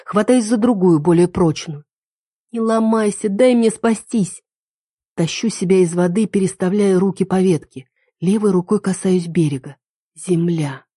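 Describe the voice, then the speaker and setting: A woman narrating a first-person dark thriller novel with tense, dramatic delivery. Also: fairly low pitch, husky, no room sound, studio quality. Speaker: audiobook narrator.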